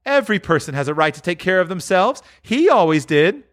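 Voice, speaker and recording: A man reading aloud, voicing a bold, scornful old charwoman with a shrill, cackling voice. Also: very animated, a little fast, fairly bright tone. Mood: brazen, defiant.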